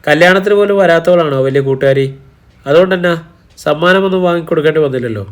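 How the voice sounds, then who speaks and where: Shrill sneery auntie type scolding a visitor, a guy doing the voice, storybook. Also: brisk, close to an everyday voice. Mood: scornful. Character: sharp-tongued hostile middle-aged woman, house owner. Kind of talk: audiobook character voice.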